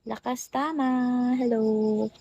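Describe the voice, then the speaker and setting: Woman streamer on a phone, a bit high-pitched, greets viewers one after another in casual chat. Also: steady tone, slow, very noisy. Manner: chatty, rattles off viewer greetings. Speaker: livestream host.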